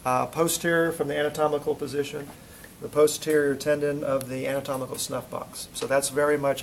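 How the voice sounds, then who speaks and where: A gravelly, mid-range male voice belongs to an instructor teaching a hands-on demonstration in class. Between steps he quizzes the students, and he coaches them with short, repeated instructions. The classroom recording is noisy.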